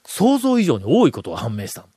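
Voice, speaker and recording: Brief: male radio host, lively pitch, dry studio sound, teasing storyteller. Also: fast, slightly rough, no room sound. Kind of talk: casual radio chat.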